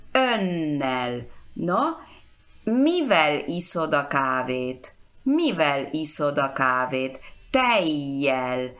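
A woman's voice: low voice, a bit bright. A woman giving a radio language lesson. She patiently repeats each example word several times. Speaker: Hungarian language teacher.

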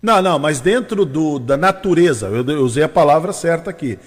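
A man's voice: fairly high pitch, expressive, fairly quick, long reverb tail. A man hosting a morning radio show from São Paulo, chatting casually and laughing often, with a Brazilian Portuguese accent. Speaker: radio host.

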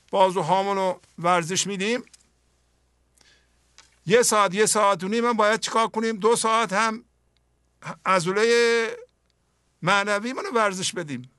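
A man hosting a spiritual poetry program, explaining the verses earnestly and dropping to a soft voice when he acts out inner dialogue. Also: high voice, no echo, studio quality. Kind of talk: spoken commentary on mystical poetry.

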